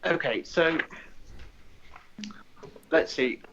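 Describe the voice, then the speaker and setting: A man talking through his phone as a guest in a philosophical discussion, tentative and halting as he thinks aloud, his audio muffled by the phone mic. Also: on the high side, fairly bright tone, a little hiss or hum. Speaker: debate guest.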